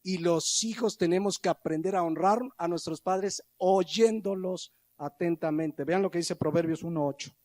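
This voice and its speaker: A middle-aged Mexican pastor delivers his sermon with a notably high-pitched voice. He is lively and animated, acting out everyday scenes, then slows right down to stretch the words that matter. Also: dry recording. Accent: Mexican Spanish. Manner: animated, acts out little scenes with quoted voices.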